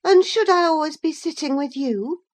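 A woman's voice: high voice, moderate pace, voice pushed up, close to an everyday voice. A woman voicing a petulant, flighty teenage girl with a peevish, exclaiming manner in a classic novel audiobook. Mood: petulant, cross. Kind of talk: audiobook character acting.

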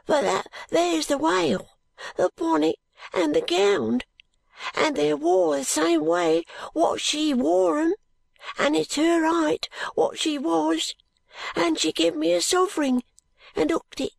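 Brief: woman voicing a scared street urchin boy; breathy, high, halting, dry booth. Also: no echo, exaggerated voice. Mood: bewildered. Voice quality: high, thin and breathy, often half-whispered. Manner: slow, halting, ungrammatical street speech. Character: ragged, frightened young street boy. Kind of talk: audiobook character voice.

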